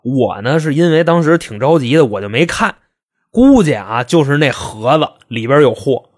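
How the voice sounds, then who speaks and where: A man voicing a grieving, enraged husband who shouts, swears and defends himself. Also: mid-range voice, sing-song, normal speed. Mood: musing. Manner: wailing, shouting, swearing, then pleading his innocence. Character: grieving then furious middle-aged husband.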